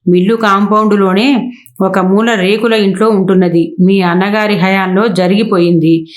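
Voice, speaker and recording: A woman's voice: medium pitch, steady tone, moderate pace, lightly acted. A woman narrator voicing an older, cautious male mill manager who explains matters respectfully to his employer. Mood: explaining.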